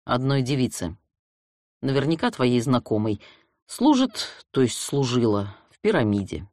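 A reader doing a curt, gruff police friend. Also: male voice, mid-range voice, very animated, unhurried, a little mellow, voice pushed down. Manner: curt, brusque.

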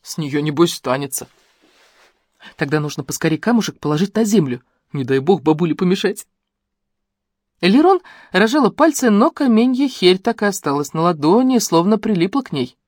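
A woman reads a detective novel aloud with a lower voice that rises and falls animatedly through each sentence. The recording is dry and close, with no room sound. She tells the story expressively. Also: moderate pace, dry recording. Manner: expressive storytelling with lively intonation. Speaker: audiobook narrator. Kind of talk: scripted narration.

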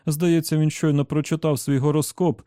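A man's voice: fairly high pitch, level tone, normal speed, mellow, smooth, dry recording, clean studio sound, pitched above the performer's own voice, lightly acted. A man voicing a tense young man who speaks in urgent, raised, clipped bursts.

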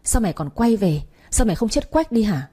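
A woman's voice: medium pitch, very animated, a little fast, warm tone, breathy edge. Woman voicing a cruel sneering villainess. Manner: sneering, hissing threats.

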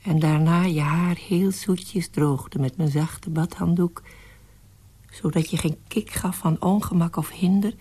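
A woman's voice: lowish voice, steady tone, unhurried, mellow, slightly rough. An actress playing a possessive, bitter mother in a radio drama, speaking in an intimate, often whispered way. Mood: tender.

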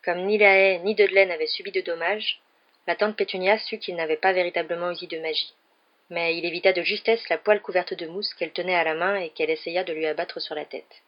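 Audiobook narrator, woman, lowish voice, measured, lo-fi sound. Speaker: audiobook reader. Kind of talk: storybook narration. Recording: dull lo-fi recording.

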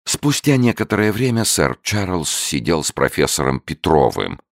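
A man narrating an audiobook in a measured, expressive reading. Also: low voice, gravelly, no room sound, studio quality.

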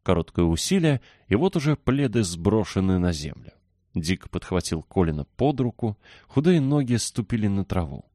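A man narrating a children's novel as an audiobook, reading in a steady, expressive way. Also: fairly low pitch, normal speed, no room sound, clean studio sound. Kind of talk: scripted narration.

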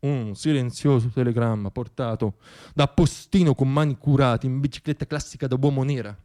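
A man delivers a satirical radio theatre monologue, telling it in a dramatic, ironic way that shifts between hushed and declaimed. His mid-range voice has fairly even intonation at a normal speed.

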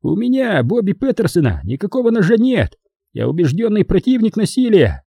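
A man's voice: sing-song, fairly quick, gravelly, dark tone, slightly rough, dry recording, clean studio sound, full character voice. A man putting on a whiny, shifty street robber. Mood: sugary. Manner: high whining protest, mock innocence.

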